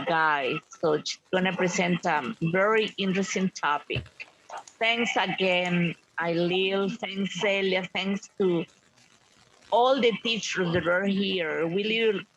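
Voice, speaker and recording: A woman's voice: medium pitch, fairly bright tone. A woman hosting a webinar over a video call, thanking the presenter and the audience effusively in casual talk. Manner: effusive, thanks people often. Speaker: webinar host. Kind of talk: casual online chat. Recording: dull lo-fi call audio with faint noise.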